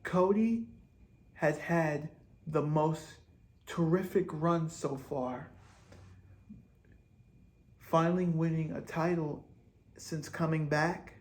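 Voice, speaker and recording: A man's voice: fairly high pitch, slow pace, long pauses. A man hosting a vlog, rambling through speculative wrestling storylines with hesitant restarts. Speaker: host. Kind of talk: wrestling fantasy-booking commentary.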